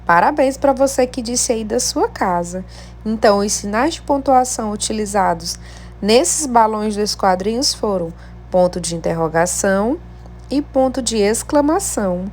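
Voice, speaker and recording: A woman teacher, giving a remote lesson to young pupils in a slow, clear, encouraging way. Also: medium pitch, expressive, a little mellow, a little hiss or hum. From Brazil. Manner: slow, clear, encouraging teacher delivery addressing children at home. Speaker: primary school teacher. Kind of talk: remote class lesson reading a textbook.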